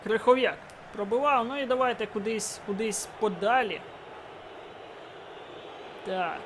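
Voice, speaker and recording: High-voiced excitable gamer man commentating. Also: measured pace, noisy background. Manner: excitable, shouts at goals and chances. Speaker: gaming YouTuber. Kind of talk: live game commentary.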